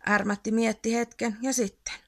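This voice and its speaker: A woman reading a picture book aloud as a bedtime story, expressive and playful. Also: a little high.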